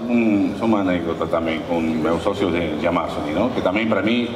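On stage in a large conference hall, a low-voiced Argentine man speaks Portuguese with an Argentine Spanish accent, recounting his story haltingly with many restarts in a conversational interview. A handheld mic is caught by a far-off camera, so the hall sounds roomy and audience noise comes through.

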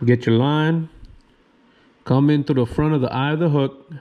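A man, hosting a fishing channel and calmly talking through how to tie knots step by step. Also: fairly high pitch, dull audio, heavy background noise. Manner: laid-back, slow, step-by-step instructions. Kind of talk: casual how-to demonstration.

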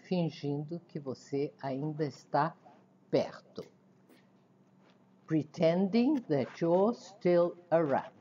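Over a dull, lo-fi recording, an energetic female English teacher with a low voice drills song lyrics line by line at a slow pace. She follows each with an explanation in Portuguese.

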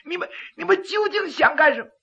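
A male storyteller voicing a greedy, cowardly, blustering county magistrate in a raspy, dramatic voice. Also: high voice, slow pace, sharp tone, highs cut off, full character voice. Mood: frightened, stammering. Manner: dramatic, stammering when frightened.

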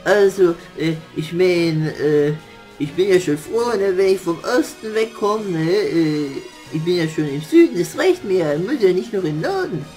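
A man's voice: high-pitched, expressive, moderate pace, darkish tone, faint music behind. A man voicing a sassy, whiny raven servant in a puppet theater play, who back-talks and complains. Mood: protesting. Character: cheeky, grumbling raven servant.

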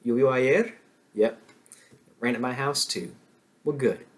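A man's voice: mid-range voice, unhurried. A man teaching a young class the letter W, with patient call-and-response drills. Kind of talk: kindergarten phonics lesson.

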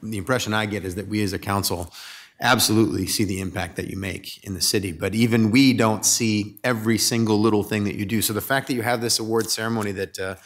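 A man in his forties chairing a city council meeting, speaking earnestly with many halting restarts into a desk mic in a council chamber. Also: fairly low pitch, fairly even intonation, fairly bright tone.

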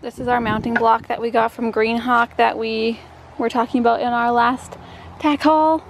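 Woman vlogger, casual and chatty, fairly high with vocal fry, handheld camera at a barn. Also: steady tone, normal speed, background noise. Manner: chatty, explanatory, laughs often. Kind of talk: casual barn tour narration. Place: horse barn and paddock, indoors and outdoors.

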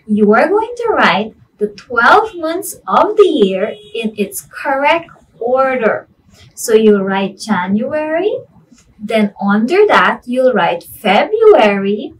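A woman in her thirties teaching young children in a sing-song, clearly enunciated recitation manner, encouraging and asking questions she answers herself. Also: on the high side, fairly bright tone, recorded from a distance, low-quality recording. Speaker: primary school mathematics teacher. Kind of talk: children's lesson addressed to young pupils. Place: indoor studio with virtual classroom backdrop.

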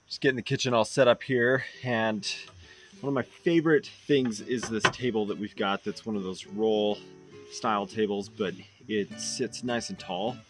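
A man's voice: lowish voice, steady tone, moderate pace, fairly bright tone, faint music behind. A man vlogging at an outdoor campsite, casually walking through his camping gear with loose, rambling speech and fillers. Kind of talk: casual gear walkthrough vlog.

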